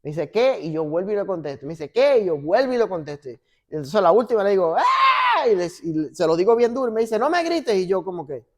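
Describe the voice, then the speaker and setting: A man's voice: high voice, fast talker, hardly any pauses, dull audio. A man, a pastor, preaching in a church and acting out dialogue as he tells stories. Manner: animated storytelling, acts out dialogue. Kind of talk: sermon with church banter. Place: church sanctuary.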